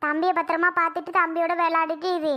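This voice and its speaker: Casting: woman playing a gentle cartoon aunt, high bright voice, soothing and motherly. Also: little pitch movement, fast talker. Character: kind middle-aged aunt, soothing and patient. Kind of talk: cartoon voice acting.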